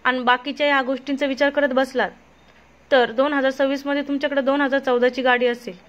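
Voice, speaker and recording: A woman's voice: sits high, level tone, fast, highs cut off, lightly acted. A woman voicing a persuasive, scheming corrupt official who talks in a mocking way.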